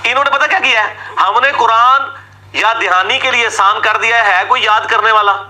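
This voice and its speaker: A man's voice: high-pitched, pushed and bright, a little hiss or hum, low-quality recording. A man giving an argumentative religious talk, asking sarcastic rhetorical questions and mimicking his opponents. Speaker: religious lecturer.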